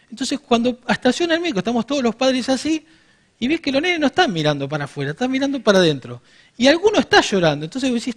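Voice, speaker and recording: A man in his forties with a Rioplatense Spanish accent, giving a business workshop and telling stories straight to the audience. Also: high voice. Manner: animated storytelling, addresses the audience directly. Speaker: workshop speaker.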